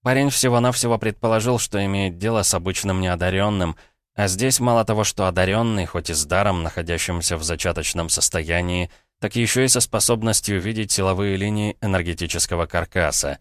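A man narrating a story as an audiobook reader, with steady, even storytelling. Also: sits low, a little fast, no echo, studio quality. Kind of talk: scripted narration.

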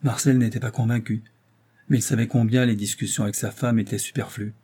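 Husky, dark-toned male narrator. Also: fairly low pitch. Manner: steady, measured storytelling. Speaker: audiobook narrator. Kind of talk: scripted narration of a novel.

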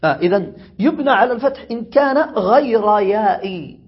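A man from Yemen teaching a grammar lesson, who repeats examples and asks his students whether it is clear. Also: sits high, animated, a little fast, dull audio.

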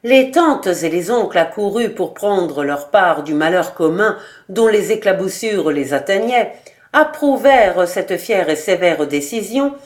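A woman narrating a literary short story in a measured, expressive way. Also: on the low side.

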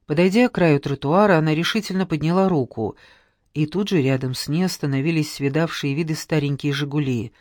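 A woman's voice: sits low, a little mellow, no echo, studio quality. A woman narrating a story as an audiobook reader, reading every part in much the same voice. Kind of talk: scripted narration.

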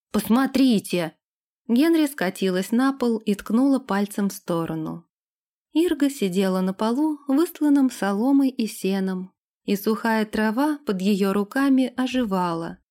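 A woman reading a fantasy novel aloud in steady, expressive scripted narration. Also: medium pitch, unhurried. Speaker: audiobook narrator.

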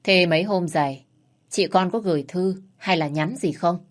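A woman's voice: lowish voice, moderate pace, close to an everyday voice. A woman voicing a fretful, scolding middle-aged mother of a wealthy house. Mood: weary.

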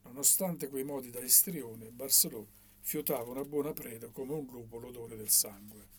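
A man reading a novel aloud in a measured, expressive way. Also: medium pitch, slight background noise. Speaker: audiobook reader.

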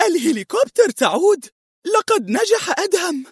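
A man voicing a lively young woman who speaks in excited exclamations. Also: high-pitched, fast talker, slightly rough, no echo, clean studio sound, pitched above the performer's own voice, heavily acted.

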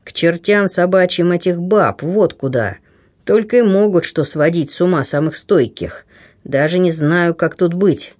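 A man's voice: high-pitched, unhurried, a little mellow. A man reading the part of a blunt, kindly aging buccaneer who grumbles and teases. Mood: gruff warmth. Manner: grumbling, teasing, plain-spoken.

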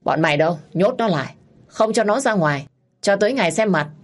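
A woman's voice: medium pitch, animated, a little fast, close to an everyday voice. A woman voicing a harsh, commanding father who runs a gang, reading an audio story. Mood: stern. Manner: commanding, scolding. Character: stern harsh father, gangster boss.

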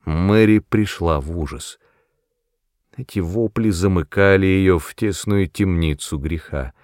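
A man giving an expressive, measured narration of a novel as an audiobook reader. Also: low voice, dry recording, studio quality. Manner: measured, dramatic reading.

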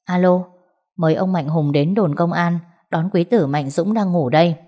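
A jovial police officer, booming and cheerful, laughing through his words, as a woman storyteller plays him. The voice is low and mellow. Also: normal speed, lightly acted. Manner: booming, laughing while talking.

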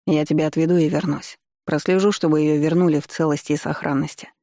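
A woman's voice: low-pitched, steady tone, fast talker, mellow, dry recording, clean studio sound. A woman doing a cocky teasing young man. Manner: teasing, provoking.

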